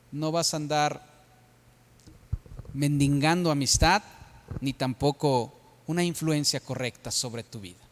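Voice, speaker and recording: A middle-aged Mexican man preaching a sermon as pastor, with a Mexican accent, often checking in with the congregation by tag questions. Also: on the high side. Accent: Mexican Spanish. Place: church hall. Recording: long reverb of a church hall.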